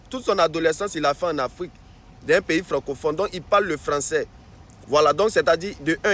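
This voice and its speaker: A man's voice: high voice, a bit bright. A man from Africa talking casually to the camera in an advice vlog, often repeating himself and restarting sentences. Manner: repetitive, restarts sentences, keeps saying "voilà". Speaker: vlogger.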